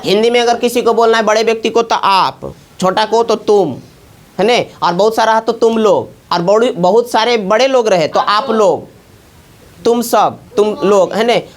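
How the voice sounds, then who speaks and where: A woman's voice: mid-range voice, moderate pace. A woman teaching math to a class at the board, often asking the students to check along. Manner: asks the class constant check questions.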